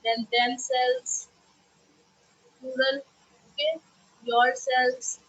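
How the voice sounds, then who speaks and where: A woman teacher explaining grammar in a live online class, often pausing to check with "okay?" and repeating examples. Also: high voice, big pitch swings, husky, low-quality recording.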